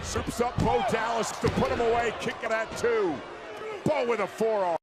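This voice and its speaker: A man calling a wrestling match live as play-by-play commentator, with excited, emphatic and dramatic calls. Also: very high voice, moderate pace. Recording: loud noise behind the voice. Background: wrestling arena noise and slams.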